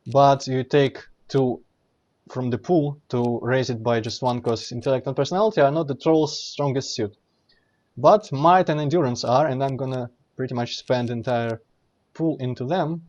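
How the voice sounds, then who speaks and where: A man's voice: mid-range voice, moderate pace, a little mellow, lo-fi sound. A man giving casual let's play commentary, explaining things in a rambling way and often correcting himself mid-sentence. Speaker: streamer playing and commenting.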